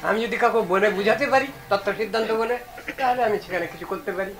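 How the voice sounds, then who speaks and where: A man giving an earnest devotional discourse, reasoning aloud and reciting verses slowly. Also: high-pitched, fairly bright tone, soft background music, poor audio. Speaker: religious speaker.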